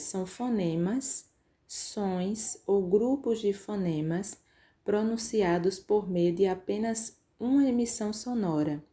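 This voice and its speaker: A woman's voice: medium pitch, mellow. A woman teacher with a Brazilian Portuguese accent giving an online grammar lesson to young pupils, patiently spelling out syllables. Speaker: primary school teacher.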